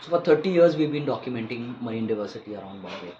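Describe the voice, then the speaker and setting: A man's voice: mid-range voice, animated, fast talker, warm tone. A man in his fifties with an Indian accent, speaking articulate, educated English as he explains things conversationally in an interview. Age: 50s. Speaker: interview guest, wildlife biologist and conservationist. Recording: roomy, muffled, faint background noise.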